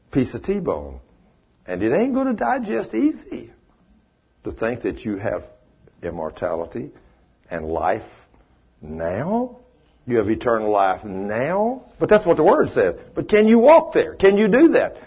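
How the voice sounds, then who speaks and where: A man with a mid-range, breathy-edged voice preaches a folksy, plain-spoken sermon that rises to emphatic preaching, and he takes questions from the audience. The live recording is dull and muffled.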